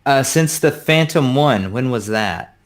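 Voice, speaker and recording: A man's voice: mid-range voice, lively intonation, a little slow. A man joining a live stream as a guest drone pilot, explaining things in a friendly way over a video call, with hesitant uhs. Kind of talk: casual video-call chat.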